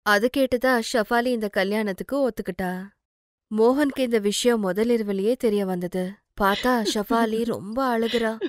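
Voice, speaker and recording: A woman telling a cartoon moral story in steady scripted narration. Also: a little high, normal speed, no echo, studio quality.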